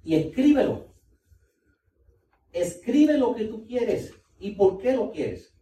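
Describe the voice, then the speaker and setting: A man's voice: high-pitched, big pitch swings, takes it slowly, mellow, distant mic. Man preaching in an echoey church. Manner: emphatic, repeats key points, talks directly to the congregation. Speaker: pastor. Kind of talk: sermon.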